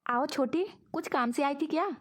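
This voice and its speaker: A woman's voice: high-pitched, normal speed, lightly acted. A woman voicing a complaining aging woman who pretends to be forgetful in a cartoon. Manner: complaining, whiny. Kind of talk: cartoon voice acting.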